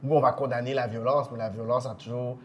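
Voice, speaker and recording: A man's voice: medium pitch, flat delivery, quick pace, dull audio, slight background noise. A man with a Quebec French accent who hosts a talk show, asking questions in casual chat and mixing English slang into his speech. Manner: conversational, mixes in English slang.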